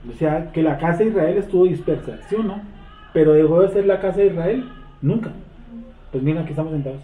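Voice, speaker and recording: Male Bible teacher, fairly high voice, echoey room, tinny phone-like sound; asks the group questions. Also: a little hiss or hum. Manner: asks the group questions, repeats verses slowly. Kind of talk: interactive Bible study teaching.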